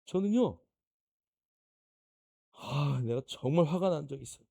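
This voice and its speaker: A male pastor preaches in a lively storytelling way and acts out the voices of the people he describes. His voice sits a bit high for a man, yet it is warm and gravelly. The sound is dry and close. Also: a little slow, no echo. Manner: animated storytelling, acting out quoted people, laughing. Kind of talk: anecdotal sermon lecture.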